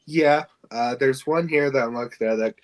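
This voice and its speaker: In a casual podcast chat about fan casting, a male co-host speaks at medium pitch and normal speed. He often hesitates while searching for his words.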